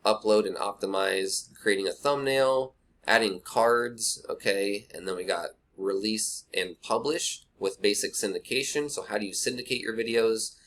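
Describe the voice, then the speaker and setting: A man's voice: on the low side, a bit bright. Blunt casual man on a webcam mic. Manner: blunt, rambling, talks to viewer directly. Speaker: online marketing instructor. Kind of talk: casual screen-recorded tutorial. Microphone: cheap webcam mic.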